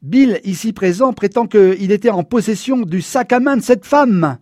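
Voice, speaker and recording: A menacing mob leader sneers and presses his point loudly, his voice pitched up. A man narrating the book acts him out. The sound is dry and close-miked. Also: expressive, normal speed, no echo. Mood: sneering. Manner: loud, sneering and insistent.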